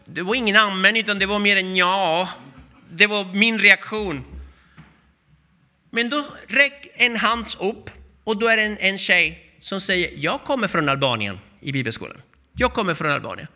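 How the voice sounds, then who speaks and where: A man preaching a sermon, telling a story with animated, acted-out voices. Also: high voice.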